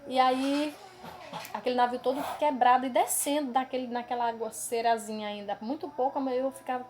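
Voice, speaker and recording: Woman preacher, earnest testimony style, somewhat high voice, soft hiss under it. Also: steady tone, brisk. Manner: earnest and emotional, addresses listeners as brothers; tags many phrases with a questioning aside. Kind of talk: testimony of a dream vision.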